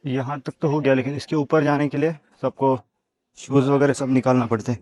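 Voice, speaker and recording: A man's voice: medium pitch, steady tone, brisk, darkish tone, dry recording, faint music behind. A man chatting as a travel vlogger while he walks outdoors among rocks and a temple, mixing English words into his talk. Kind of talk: casual walking travel vlog. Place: outdoors at caves and a hillside temple.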